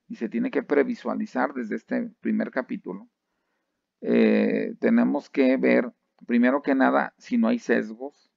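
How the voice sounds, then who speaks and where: A man lecturing a class, lively, often checking in with his listeners and restarting phrases. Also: medium pitch, no room sound. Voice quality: gravelly. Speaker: university lecturer. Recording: dry, slightly dull sound.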